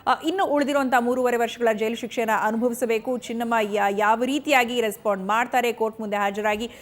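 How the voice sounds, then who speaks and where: A woman's voice: on the high side, fairly even intonation, a little fast. A woman news anchor with a Kannada accent giving live breaking-news commentary, repeating updates urgently with frequent fillers.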